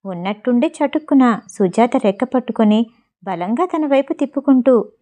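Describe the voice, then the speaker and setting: A woman narrating a storybook tale with steady, expressive pacing. Her voice sits a little high but warm and mellow, never sharp. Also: normal speed. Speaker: audiobook narrator.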